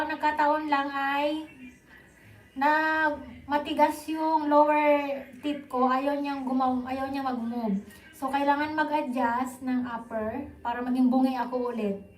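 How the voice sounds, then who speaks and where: A woman's voice: high voice, roomy sound, poor audio. A young woman with a Filipino accent chatting casually and informally with viewers on a live stream.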